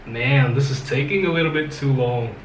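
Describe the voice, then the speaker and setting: A tired, slightly breathless young vlogger chats casually in a cooking vlog, his medium-pitched voice at a moderate pace. He's playful and jokes with viewers while whisking, and the rough recording has a little hiss or hum.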